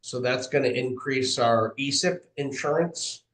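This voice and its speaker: A man with a mid-pitched voice gives explanations as an official at a meeting. His voice comes with a strong roomy echo. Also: unhurried, fairly bright tone. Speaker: town official answering budget questions. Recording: echoey, roomy meeting audio.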